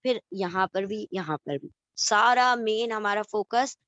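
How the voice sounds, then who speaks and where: A woman teaching Arabic grammar in Urdu mixed with English terms. She repeats word endings slowly to drill them and often checks in with "theek hai?". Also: medium pitch, lively intonation, fairly bright tone, dry recording. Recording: dry, dull lo-fi audio.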